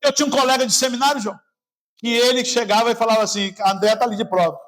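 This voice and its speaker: High-voiced Brazilian pastor preaching. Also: male voice, steady tone, fast. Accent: Brazilian Portuguese. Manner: swings between shouting and quiet, lowered delivery. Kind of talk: sermon. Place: church service.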